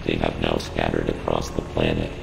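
In a scripted game mission briefing, a man voices a cold, analytical computer intelligence, his heavily acted, synthetic, robot-processed voice extremely low, gravelly, and completely flat at a moderate pace. The delivery is formal, clipped, emotionless, and instructive, with a cold, measured mood. The game audio echoes with reverb under loud ambient noise.

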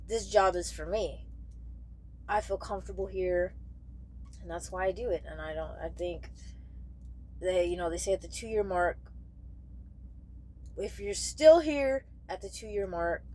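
A young adult woman who vlogs as a truck driver talks casually and candidly to camera from a small padded sleeper bunk indoors. She speaks haltingly, searching for words, in a lowish, darkish voice. There's slight background noise.

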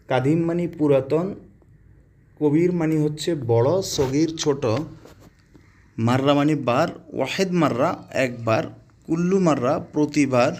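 Brief: male language teacher, mellow tone, patient word-by-word drilling. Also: fairly high pitch. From Bangladesh. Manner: slow, repetitive word-by-word explaining. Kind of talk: spoken vocabulary lesson.

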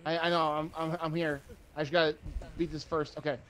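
A young man in casual gaming chat, pleading and cursing in rapid bursts. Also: fairly high pitch, little pitch movement, fairly bright tone.

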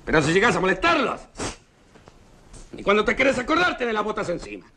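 An actor playing a bitter, disillusioned working-class husband with a Rioplatense Argentine accent, talking with sarcasm and scorn. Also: male voice, high voice, sing-song, fast talker, crowd noise. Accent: Rioplatense Argentine Spanish. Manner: sarcastic, scornful, repeats words. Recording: 1980s film soundtrack, faint hiss.

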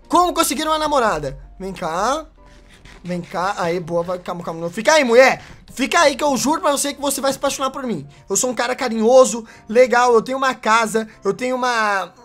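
Excitable young Brazilian man gaming. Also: very high voice. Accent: Brazilian Portuguese. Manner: excitable, yelps and laughs, talks to game characters. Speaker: gaming YouTuber. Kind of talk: casual gameplay commentary.

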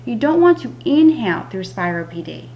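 A woman's voice: fairly high pitch, very animated, normal speed, lo-fi sound. A woman giving scripted instructional narration as a patient education specialist. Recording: audible background noise with hum.

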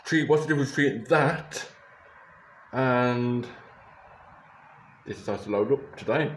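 Speaking slowly in a mid-range voice, a young YouTuber rambles through reactions to photos, often restarting and revising his words. The close webcam or phone recording from a small bedroom sounds roomy, with a little hiss or hum.

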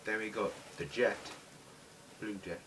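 A British man with a fairly low voice chats eagerly as he unboxes toys, a collector clearly enjoying himself. The home recording is noisy, with clicks and hiss running underneath his talk. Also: steady tone, measured pace, recorded from a distance. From Britain. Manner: chatty, eager toy-collector enthusiasm. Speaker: toy reviewer. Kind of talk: casual unboxing commentary.

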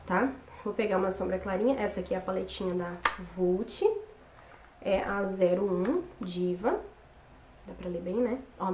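A young woman, hoarse from a cold, chatting casually through a makeup tutorial. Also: mid-range voice, a little mellow. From Brazil. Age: young adult. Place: small bedroom, indoors. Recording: roomy echo with background noise.

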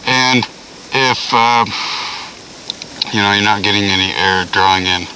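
Man, low voice muffled by a gas mask, heard from a distance over steady background noise. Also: unhurried. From Tennessee. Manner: rambling, offhand, loose fillers. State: talking through a gas mask. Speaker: gear reviewer. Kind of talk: casual demonstration. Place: outdoors. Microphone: voice amplifier on the mask.

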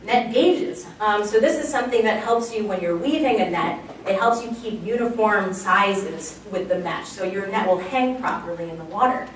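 A woman's voice: medium pitch, normal speed, hardly any pauses. A woman giving a chatty, enthusiastic public lecture on archaeology, with many fillers. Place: lecture room, recorded from far off. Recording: very echoey room, distant mic, faint background noise.

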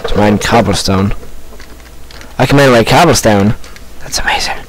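A young man giving goofy, excitable commentary while playing Minecraft, with faint background noise. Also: on the low side, moderate pace. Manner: excitable, goofy, yelps and shouts at the game. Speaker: gaming YouTuber. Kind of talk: casual Minecraft let's-play commentary.

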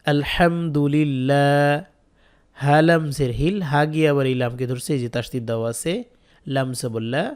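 A man with a Bangladeshi Bengali accent teaching Quran reading, spelling each word letter by letter and chanting the verses slowly. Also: mid-range voice. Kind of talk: slow spelled-out recitation lesson.

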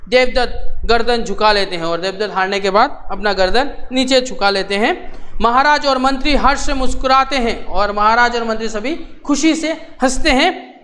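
A man's voice: extremely high pitch, moderate pace, fairly bright tone. A male teacher reading a play aloud in a lesson, repeating each line and then paraphrasing it in plain words.

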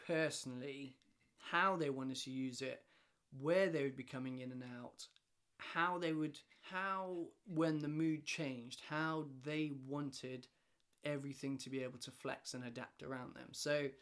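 A man's voice: medium pitch, fairly bright tone. A man in his thirties from the UK, a lighting design company director, chatting casually on camera from a living room with lots of restarts and fillers. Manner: chatty, rambling with many restarts and fillers, gestures a lot. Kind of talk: casual talking-head explainer. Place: home living room with shelves and a stove. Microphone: camera in front, head and shoulders framing.

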